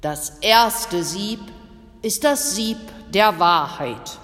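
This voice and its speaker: A woman reading the lines of a wise old Greek philosopher who asks calm, probing questions. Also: mid-range voice, drawn-out words, big-room sound, soft background music. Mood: calm questioning.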